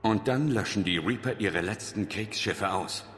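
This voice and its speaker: Deep-voiced, stern military commander. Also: male voice, a little slow, fairly bright tone. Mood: firm. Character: hard, resolute male human military commander. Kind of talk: dramatic video game acting. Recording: reverberant, faint noise and ambience.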